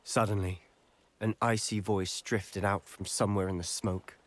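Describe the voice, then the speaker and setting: A man's voice: on the low side, level tone, lightly acted. An actor playing an earnest young male wizard student, in video game dialogue. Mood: somber. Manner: earnest, measured storytelling.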